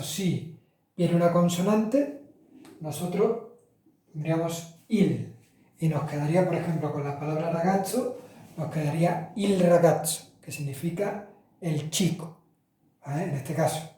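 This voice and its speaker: A man's voice: on the high side, dark tone. A man teaching Italian articles to Spanish speakers in a chatty classroom style, with fillers and self-corrections. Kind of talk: casual classroom explanation. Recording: roomy echo, from far off the mic.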